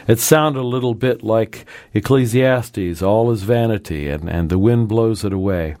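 A man hosting a religious radio program, telling a story in a gentle, measured way and then talking with a guest. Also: fairly low pitch, no echo, clean studio sound. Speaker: radio Bible program host.

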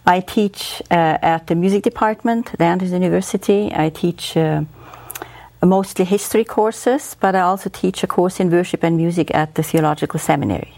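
A woman from Switzerland, a native German speaker, answers interview questions in a fairly low voice. She is thoughtful and often pauses with small fillers. The recording is very dry and close. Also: dark tone, no room sound. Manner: thoughtful, with many hesitations. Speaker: music professor, guest.

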